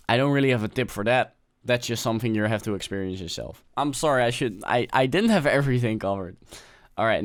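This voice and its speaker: A young man speaking at an ordinary mid pitch, talking off the cuff to camera. His delivery is relaxed and conversational, full of small fillers and restarts. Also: clean tone. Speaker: vlogger giving presentation tips. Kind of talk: unscripted casual talk to camera.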